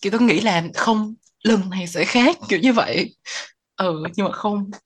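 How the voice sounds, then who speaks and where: A woman's voice: medium pitch, normal speed, husky. A woman co-hosting a casual book podcast, talking bluntly with slang and trailing off her sentences. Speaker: podcast co-host.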